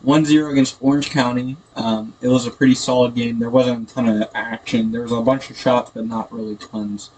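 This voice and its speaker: His gameplay commentary is casual, halting and rambling, yet he talks a bit fast with few pauses, his mid-range voice steady and a little mellow. The gaming host's built-in computer mic gives a tinny, echoey sound over background noise.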